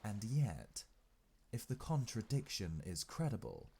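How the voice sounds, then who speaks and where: A man reading a classic novel aloud as an audiobook narrator, in a measured delivery, phrase by phrase with frequent pauses. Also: fairly low pitch, wildly swooping pitch, gravelly, warm tone, a little hiss or hum.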